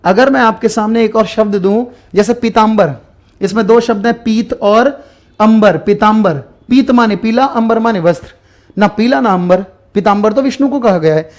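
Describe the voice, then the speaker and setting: A man's voice: sits high, moderate pace. A man teaching an online exam-prep grammar class while writing on a board. He explains patiently, repeats key terms and answers his own questions.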